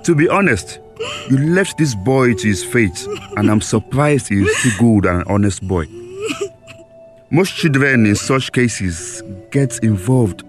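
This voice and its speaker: A man with a Nigerian accent playing a calm, firm police officer in a radio drama, reassuring and questioning. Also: medium pitch, over music, lightly acted. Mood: steady. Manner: measured, reassuring.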